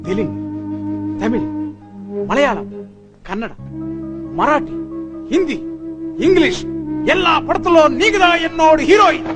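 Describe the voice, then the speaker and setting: A smitten fan gushes and sings out his devotion to a film heroine. His voice is very high, and loud music fills the background. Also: animated, normal speed, pauses often. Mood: gushing. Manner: gushing and sing-song. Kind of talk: feature film dialogue.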